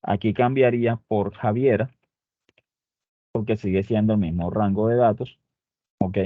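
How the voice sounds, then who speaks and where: A man teaches a spreadsheet lesson, explaining each step and stopping often to check that his students are following. His voice sits on the low side. The sound is tinny and dry, like a phone line with no room around it. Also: fairly even intonation, a little slow, no echo. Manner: explains step by step, with frequent "¿ok?" and "muchachos" check-ins. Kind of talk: spreadsheet tutorial.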